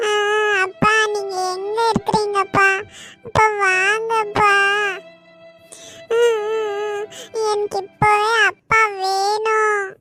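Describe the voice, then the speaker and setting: A woman voicing a stubborn young schoolgirl in a cartoon, pleading and whining. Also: very high-pitched. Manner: pleading and whiny, crying for her father. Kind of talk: cartoon voice acting.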